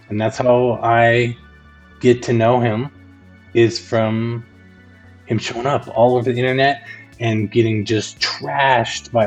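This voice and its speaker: A man's voice: mid-range voice, a little mellow, dull audio. A man hosting a podcast, giving casual rambling commentary full of "like" fillers. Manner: rambling, conversational, with frequent "like" fillers. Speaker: podcast host.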